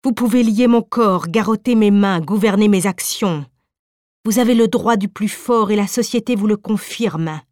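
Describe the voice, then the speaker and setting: Woman doing a cold proud young wife, measured and dignified, dry sound. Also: medium pitch, a little mellow, no echo, natural voice. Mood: defiant. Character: proud defiant young wife, icily calm. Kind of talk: audiobook reading.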